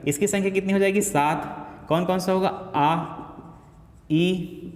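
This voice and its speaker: A male teacher giving a classroom lecture, asking and answering his own questions and slowly repeating key phrases. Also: high voice, steady tone, darkish tone. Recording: echoey classroom with long reverb.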